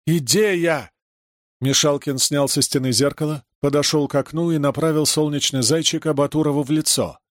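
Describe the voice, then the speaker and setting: A man narrating a dark rural adventure story, reading scripted prose steadily. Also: on the high side, fairly even intonation, fairly quick, few pauses, no echo, studio quality. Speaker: audiobook narrator.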